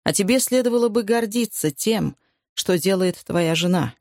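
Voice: mid-range voice, normal speed, gravelly, no echo, studio quality, close to an everyday voice. A narrator voicing a cool pilot officer. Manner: cold, unruffled.

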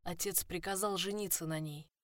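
A woman's voice: on the low side, steady tone, normal speed, no room sound, clean studio sound, close to an everyday voice. A woman voicing a desperate young man in love, pleading, in a first-person audiobook.

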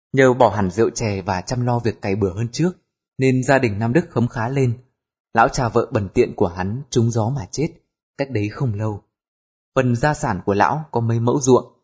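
A man narrating an audiobook in a steady storytelling voice. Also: medium pitch, breathy edge. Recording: dull lo-fi recording with music.

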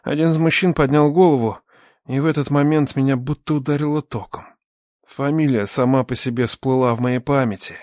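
A man in his twenties narrating a first-person story at a measured, tense pace. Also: medium pitch, fairly even intonation, darkish tone, no room sound, clean studio sound.

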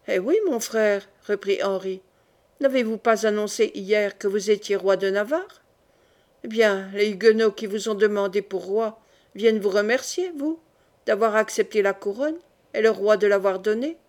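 A proud young king, quick-witted and composed, answering accusations with smooth innocence and firm dignity, as a woman reader gives him voice. The voice stays close to the reader's own, even and measured. It suits a storybook reading of court intrigue. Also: mid-range voice, close to an everyday voice.

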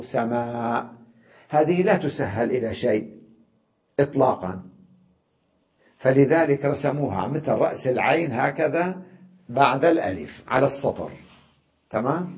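A sheikh teaching an Arabic grammar lesson, explaining patiently, often asking "tamam?" and repeating example words slowly with drawn-out fillers. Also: male voice, medium pitch. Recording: muffled lo-fi lecture recording.

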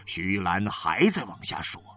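A man narrating an audiobook with a storyteller's measured delivery. He speaks slowly while his pitch rises and falls widely. The recording is close and dry. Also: very animated, fairly bright tone, no room sound, faint music behind.

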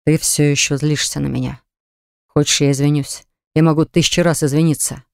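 A woman's voice: low-pitched, fairly even intonation, brisk, mellow, dry recording, studio quality, close to an everyday voice. A woman voicing an insistent young man who pleads earnestly with his ex in an audiobook. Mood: pleading. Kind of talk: audiobook dialogue.

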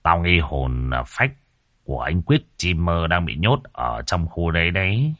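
A man voicing a stern old male exorcist master who scolds his disciple in a low, gruff voice. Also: very animated, a little slow, a bit bright, no echo, studio quality, full character voice. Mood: gruff scheming.

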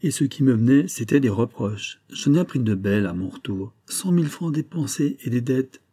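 A man's voice: mid-range voice, expressive, normal speed, dark tone, slightly rough, no echo, clean studio sound. A man voicing a vain, blustering older banker who lectures his son in a familiar, exasperated tone. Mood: reproachful. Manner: familiar, then scolding and exasperated.

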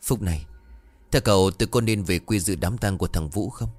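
A man's voice: sits low, fairly quick, a little mellow, no room sound, soft background music. A man voicing an anxious, agitated middle-aged businessman in a ghost story, asking urgent questions. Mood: troubled.

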